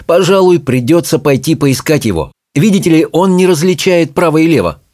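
A man voicing a brisk, no-nonsense middle-aged witch who is also a mother, in a storybook reading. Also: fairly high pitch, a little mellow, no echo, studio quality, pitched above the performer's own voice, natural voice.

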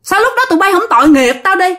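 Woman narrator doing a bitter ghost, young mother, Southern Vietnamese accent, high-pitched, swooping. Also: lively intonation, quick pace, bright, forceful tone, exaggerated voice. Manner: shrill, scolding, raised voice.

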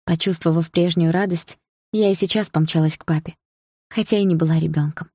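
A woman narrating an audiobook, fairly low and husky, with a measured, even delivery. The sound is dry and close. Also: no echo. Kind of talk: scripted narration.

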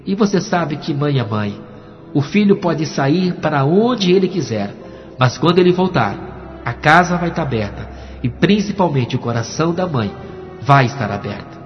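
A man's voice: fairly high pitch, very animated, normal speed, faint music behind. Man preaching a dramatic testimony. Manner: dramatic storytelling, quoting voices. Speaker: pastor. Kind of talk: testimony sermon. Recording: dull recording with long hall reverb.

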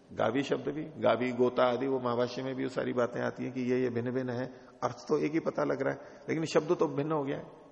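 A male teacher giving a scripture commentary lecture, reciting Sanskrit lines slowly and then explaining them in a measured way. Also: medium pitch, gravelly, darkish tone. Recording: dull recording in a reverberant hall.

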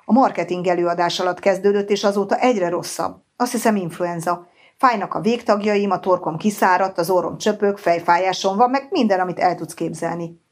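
A woman's voice: lowish voice, natural voice. Brief: woman reads feverish young man, weak and grumbling, storybook audiobook. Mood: weary.

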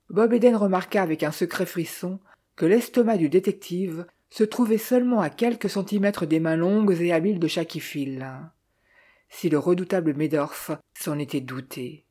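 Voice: medium pitch, moderate pace, warm tone. Narrateur de livre audio, lecture posée, timbre sombre et doux. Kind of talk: scripted narration of a detective novel.

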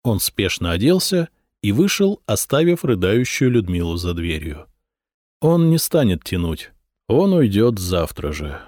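A male narrator reading a historical novel with a lively, rising and falling voice. His pitch sits in the middle range, and the recording is dry and close to the mic. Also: measured pace, no room sound. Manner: expressive storytelling, growling for the prince's lines. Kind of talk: audiobook narration.

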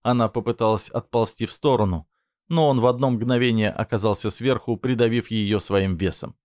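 A man narrating a story in a steady, even reading voice. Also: lowish voice, brisk, no room sound, clean studio sound.

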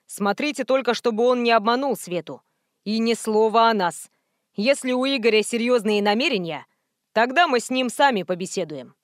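A woman's voice: a little high, lively intonation, moderate pace, no echo, studio quality, close to an everyday voice. A woman voicing a stern, irritable male doctor who talks in a firm, lecturing way.

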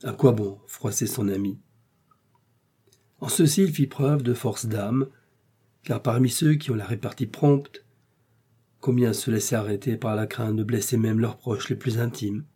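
A man narrating a classic novel in an even, measured reading. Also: medium pitch, slightly rough. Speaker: audiobook narrator.

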